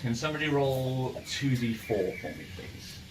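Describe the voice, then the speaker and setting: With a steady mid-range voice at normal speed, a man acts as game master for an in-person tabletop group, narrating and talking casually with the players. The recording is roomy and distant, with noticeable background noise.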